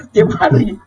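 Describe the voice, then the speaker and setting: A man's voice: high-pitched, poor audio. A man in a casual podcast chat, teasing his friends and prompting them with questions.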